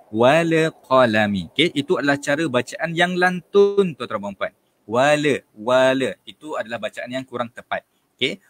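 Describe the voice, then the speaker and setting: A man with a Malaysian Malay accent teaching Quran recitation in a relaxed online lesson, patiently repeating letters and corrections, often saying okey, and chanting verses slowly to demonstrate. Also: medium pitch, a little hiss or hum.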